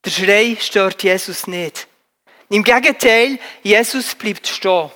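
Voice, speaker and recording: A man preaching a sermon earnestly, pleading with his listeners and often pausing on filler sounds. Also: high voice, pushed and bright, long reverb tail.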